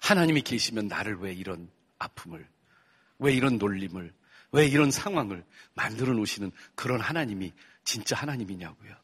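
Husky man preaching an emotional testimony. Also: on the low side, expressive, fairly quick. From Korea. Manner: emotional storytelling with sudden loud outbursts. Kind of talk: sermon testimony.

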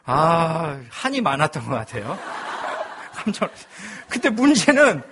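A man's voice: on the high side, very animated, moderate pace, noisy background. A male pastor in his thirties, preaching a sermon with humorous personal storytelling.

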